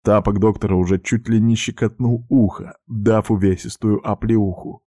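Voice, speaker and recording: Male audiobook narrator, low and lively, dry mic. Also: normal speed, no echo. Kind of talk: audiobook reading of a novel.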